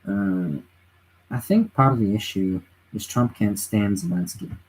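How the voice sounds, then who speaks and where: Late at night at home, a tired native English-speaking man livestreams casual political chat, rambling through his opinions and reading chat messages aloud with frequent restarts and fillers. His lowish, darkish voice is measured and breathy-edged, and the recording is rough.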